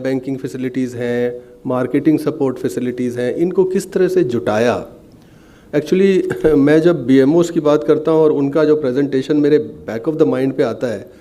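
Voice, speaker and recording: A middle-aged man giving a formal speech at an award ceremony, pausing often with fillers. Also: fairly high pitch, warm tone. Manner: hesitant, many filler sounds, measured. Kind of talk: formal ceremony speech, Hindi mixed with English.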